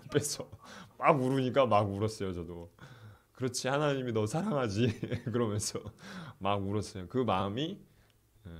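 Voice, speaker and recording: A middle-aged pastor telling a story in a sermon, softly acting out the prayers of the people in it. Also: male voice, on the low side. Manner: soft-spoken, acts out quoted prayers, laughs often.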